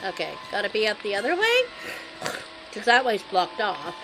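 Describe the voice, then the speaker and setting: A woman's voice: medium pitch, big pitch swings, normal speed, music in the background. A woman streamer chatting wryly to her viewers as she plays a game live. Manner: chatty, wry asides to viewers.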